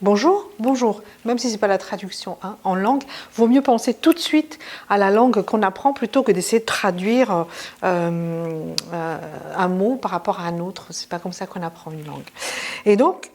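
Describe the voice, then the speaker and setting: A woman's voice: medium pitch, normal speed, darkish tone. A woman teaching a language lesson in a casual, chatty way, with many fillers and restarts.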